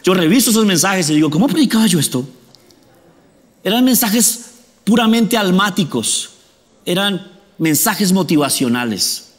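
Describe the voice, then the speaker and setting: A man's voice: sits high, lively intonation, normal speed, long pauses, big-room sound. A male pastor preaching a sermon conversationally, often asking the congregation questions.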